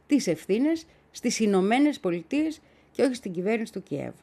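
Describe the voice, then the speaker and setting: A woman's voice: fairly high pitch, sing-song, warm tone, breathy edge. A woman commenting on a radio talk show, explaining points step by step and speaking directly to her co-host.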